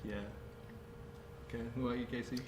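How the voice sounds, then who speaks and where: The host's voice is mid-range and fairly quick as he leads an informal round-table interview. His questioning is relaxed and full of fillers, broken up by frequent laughter, and the room is echoey with noise behind him.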